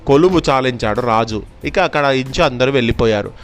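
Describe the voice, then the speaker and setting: A man's voice: mid-range voice, brisk, soft background music. Man telling a children's folk tale. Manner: lively, animated storytelling with small restarts. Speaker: storyteller.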